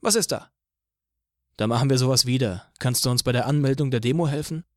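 A man reading an audiobook, voicing an easygoing, cheeky band leader in a relaxed, matter-of-fact way. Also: mid-range voice, fairly quick, no echo, clean studio sound, close to an everyday voice. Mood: calm.

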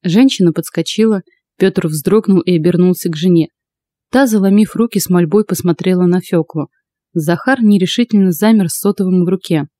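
A woman narrating first-person fiction for an audiobook in a calm, even storytelling voice. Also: on the low side, brisk, no room sound.

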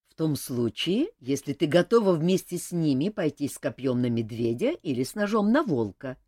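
A woman reading an audiobook, voicing a calm young king who teases with dry humor. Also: sits low, normal speed, slightly rough, dry recording, full character voice. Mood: teasing. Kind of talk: audiobook character voice.

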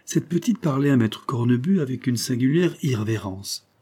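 A man reading a classic novel aloud in a measured, even storytelling manner. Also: mid-range voice, slightly rough. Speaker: audiobook reader. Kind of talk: literary narration.

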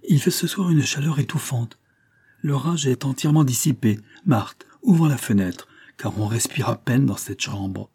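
A man voicing a lively young noblewoman. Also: medium pitch, normal speed, creaky, slightly rough, pitched above the performer's own voice. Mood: languid.

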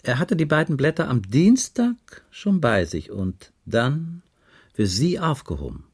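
In a 1980s German radio crime drama, a man plays a patient, dry investigator who asks terse, probing questions and muses as he goes. His mid-range voice is dark-toned and breathy, very animated and exaggerated, yet unhurried.

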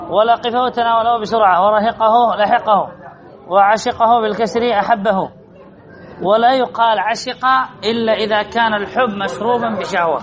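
High-voiced sheikh teaching a class. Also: male voice, highs cut off. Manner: reads a phrase, then explains it, repeating key words and asking the class questions. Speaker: sheikh teaching Arabic morphology. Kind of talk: classroom lesson explaining a text line by line.

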